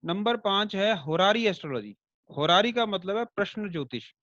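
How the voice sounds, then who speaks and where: High-voiced male astrology teacher, chatty. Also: animated, normal speed, bright, forceful tone, no echo, highs cut off. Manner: conversational, with rhetorical check-ins to students; explains by everyday comparisons and light jokes. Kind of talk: online lecture class.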